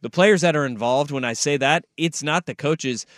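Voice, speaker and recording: A male sports radio host with a fairly high voice talks casually. He leans on repeated phrases for emphasis. The studio sound is close and dry. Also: moderate pace, fairly bright tone, no room sound.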